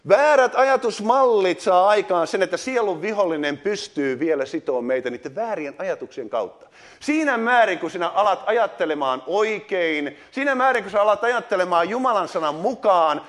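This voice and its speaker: A middle-aged man preaching a sermon, emphatic, with sudden rising exclamations and frequent hesitation fillers. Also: high voice.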